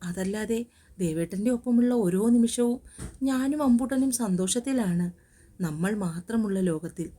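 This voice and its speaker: An affectionate young wife, soft and coaxing with her husband, as a woman narrator reads her. The tone is mellow and warm-edged. It sounds like a spoken romance storybook. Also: medium pitch, lively intonation, moderate pace, close to an everyday voice. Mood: tender. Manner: tender, coaxing.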